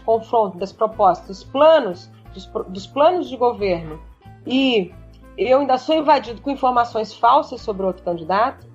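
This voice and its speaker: A woman professor speaks as a guest on a podcast, with a husky, breathy voice. She thinks aloud, breaking off and restarting her phrases. The audio sounds muffled and low-fidelity. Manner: hesitant, many restarts and fillers. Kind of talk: podcast interview, reflective answers. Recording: dull, lo-fi audio with faint music.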